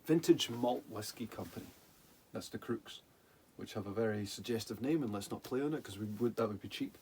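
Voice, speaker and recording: Male podcast co-host, lower-pitched, halting and meandering in relaxed drinks chat, some background noise. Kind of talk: casual boozy whisky chat.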